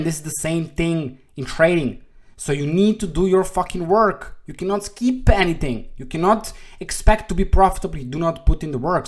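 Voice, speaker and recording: Blunt man coaching traders. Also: fairly high pitch. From Serbia. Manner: blunt, emphatic, swears freely, repeats "okay?". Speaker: trading coach. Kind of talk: casual video lesson.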